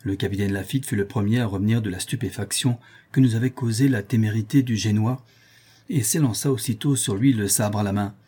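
A man reading a seafaring novel aloud as narrator, measured and steady. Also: on the low side, husky. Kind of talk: audiobook reading.

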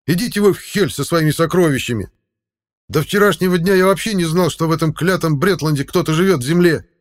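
A man's voice: a little high, fairly quick, voice pushed up, natural voice. A man voicing a young male Viking captive who talks in a strained, pleading way. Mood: furious.

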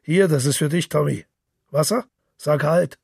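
A man voicing a boisterous, hard-drinking middle-aged male journalist, loud and boastful, with a gravelly, raspy voice. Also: a little high, a little slow, dry recording, clean studio sound, pitched above the performer's own voice, heavily acted.

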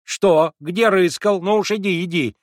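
A man's voice: high voice, unhurried, no room sound, studio quality, voice pushed up. A man playing a bossy old servant woman. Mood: scolding. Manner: scolding, domineering.

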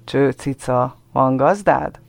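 A man's voice: medium pitch, creaky, no echo, natural voice. A man reading a story, voicing a cocky, pushy teenage boy who talks in a smug, sneering way.

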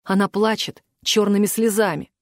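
A woman reading the part of a gruff, hot-tempered young male student mage in an audiobook. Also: mid-range voice, steady tone, moderate pace, dry recording, clean studio sound, natural voice. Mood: curt.

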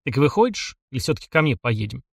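A man's voice: medium pitch, very animated, fast, gravelly, slightly rough, dry recording, studio quality, full character voice. Man doing a sly joking night driver. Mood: jovial. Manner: chatty, teasing, probing.

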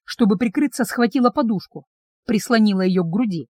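A woman reads a first-person novel aloud, her voice at a middle pitch, intimate and tense as she tells the story. The sound is close and completely dry, with no room around her. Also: animated, brisk, mellow, no echo. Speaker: audiobook narrator.

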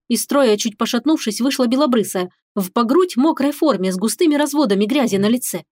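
A woman narrating a first-person audiobook in a steady, even storytelling manner. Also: on the high side, no room sound, clean studio sound.

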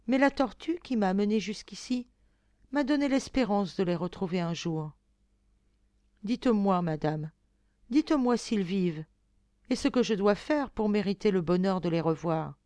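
A woman's voice: mid-range voice, lively intonation, a little slow, dark tone, dry recording, natural voice. A woman voicing an earnest young fairy-tale princess who pleads with emotion. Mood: pleading.

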